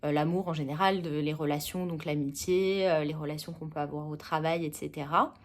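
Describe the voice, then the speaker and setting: A young woman from France calmly telling a personal story to camera, pausing often to think. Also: sits low. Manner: calm, thoughtful, with many pauses and "euh"s. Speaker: travel vlogger.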